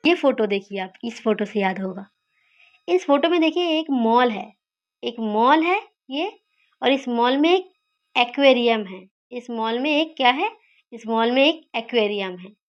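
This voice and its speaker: High-pitched female tutor, patient and repetitive, poses and answers her own quiz questions; muffled lo-fi audio. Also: fairly bright tone. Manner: repeats key words slowly, asks and answers her own questions. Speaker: teacher of memory tricks. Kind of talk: explaining study mnemonics.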